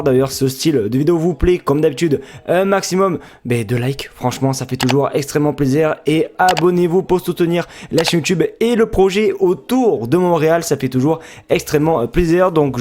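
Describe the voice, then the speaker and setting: A man's voice: a little high, darkish tone. A young man hosting a football channel, giving a casual pre-match analysis in a chatty, friendly way with many fillers.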